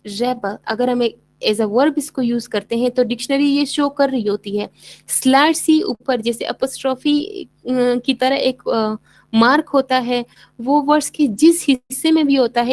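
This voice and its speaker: A woman with a Pakistani accent giving a bilingual English lecture, explaining in Urdu-Hindi and reading English lines slowly and deliberately. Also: sits high, a little mellow, dry recording, rough recording. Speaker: English teacher.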